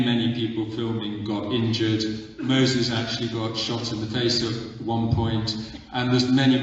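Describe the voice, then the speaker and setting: A filmmaker who grew up in Uganda, answering panel questions in an earnest, measured way and repeating words for emphasis. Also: male voice, fairly low pitch, slight background noise. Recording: distant mic, echoey hall, dull sound.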